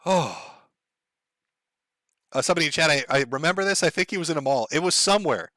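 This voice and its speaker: A man hosting a livestream, reading viewer donations out loud and telling stories in a casual, profane way, often laughing. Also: a little high, lively intonation, a little fast, no echo. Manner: profane, laughing, rambling storyteller.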